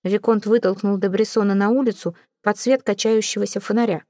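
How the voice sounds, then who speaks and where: A woman narrating an audiobook in a steady, even storytelling manner. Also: medium pitch, brisk, dry recording, clean studio sound.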